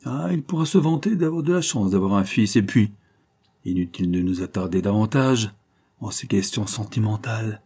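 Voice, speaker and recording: A man's voice: lowish voice, animated, moderate pace, darkish tone, husky. A man reading aloud and voicing a scheming, ruthless female adventurer with commanding, triumphant speech and hissed asides. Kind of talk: audiobook character reading.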